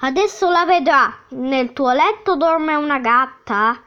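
A woman's voice: high voice, unhurried. A woman voicing a fussy mother bear who exclaims in surprise, on a dull lo-fi recording. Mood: indignant.

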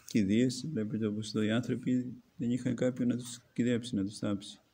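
A man's voice: medium pitch, little pitch movement, creaky, mellow, breathy edge. A man, an Orthodox archimandrite, reads a book aloud as a homily and breaks off to add his own comments. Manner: reads narrative then pauses to comment.

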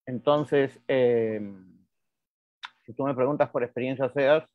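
A man's voice: mid-range voice, fairly even intonation, slow, no room sound. A male psychotherapist answering interview questions in a frank, reflective way, repeating words for emphasis. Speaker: psychotherapist guest. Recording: dry, dull lo-fi sound.

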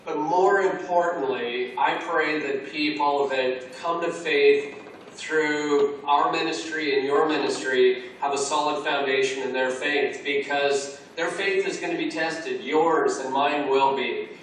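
A man's voice: on the high side, fairly even intonation, a little slow, a bit bright, a little hiss or hum. A man being interviewed over a call about a church course, talking earnestly and restarting his sentences often. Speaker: Alpha course trainer, interviewee. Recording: echoey distant call audio.

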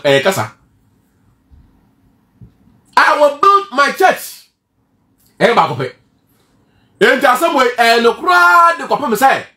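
A man with a Ghanaian accent preaching a sermon, lively and full of rhetorical questions, mixing two languages. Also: very high-pitched, roomy sound. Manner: animated preaching, switching between Twi and English, rhetorical questions.

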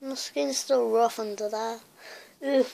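Woman vlogger, casual rambling chat, self-mocking, higher voice, slow talk. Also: steady tone, vocal fry, warm tone. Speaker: YouTuber. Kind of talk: casual vlog commentary.

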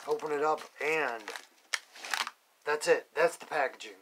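A young man with a fairly high-pitched voice narrates a comic book unboxing at an unhurried pace, with heavy background noise. He's a comic collector vlogger filming from above on a phone camera at an indoor table, listing issues plainly and cursing bluntly when something annoys him.

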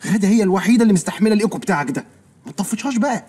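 A man's voice: sits high, expressive, racing, dark tone, breathy edge. An actor playing a lonely overweight young man, nervous and polite, talking in flustered comic patter in a film comedy. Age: young adult.

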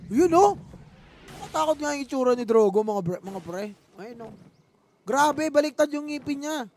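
Gravelly high-voiced Filipino commentator. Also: male voice, normal speed, a little hiss or hum. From Philippines. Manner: joking, playful, mixes English phrases, bursts into excited yells. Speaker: esports commentator. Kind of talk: excited live game commentary.

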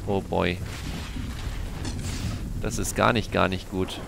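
A man's voice: low voice, little pitch movement, slow pace, gravelly, noisy background. A man commentating his own video game play, chatting to himself and his viewers with frequent exclamations and curses. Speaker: gaming YouTuber.

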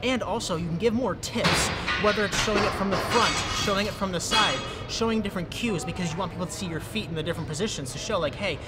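A young man talks quickly and chattily, walking through his tips step by step. His voice sits a little high for a man, with loud music playing behind him in a big gym. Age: young adult. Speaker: fitness video creator. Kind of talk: casual how-to vlog. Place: large indoor gym. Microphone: camera close up and on tripod.

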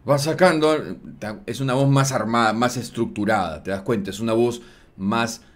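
A man's voice: medium pitch, steady tone, normal speed. A man, hosting a sports talk show, explaining things in a loose, slangy way full of fillers. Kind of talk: casual analysis chat.

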